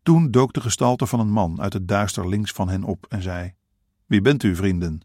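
Man, audiobook narration, calm, measured, low voice, dry studio sound. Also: no room sound. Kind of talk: scripted narration.

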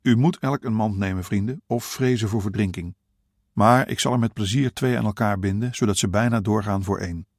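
A man's voice: fairly low pitch, fairly quick, no room sound, clean studio sound. A man playing a burly, bearded middle-aged boatman who gives practical, reassuring advice. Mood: matter-of-fact. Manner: matter-of-fact, reassuring.

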